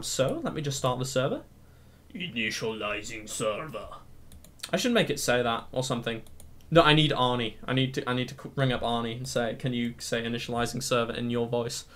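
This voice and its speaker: A man's voice: medium pitch, brisk, fairly bright tone. A man hosting a coding tutorial, hyper from energy drinks and rambling along, mocking himself as he goes. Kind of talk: rambling screen-recorded tutorial chat.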